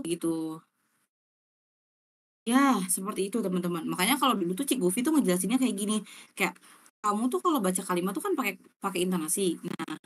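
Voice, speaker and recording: A woman's voice: mid-range voice, breathy edge. A young woman, teaching a live online class in a chatty, slangy way and checking often whether students understand. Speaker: online exam-prep tutor.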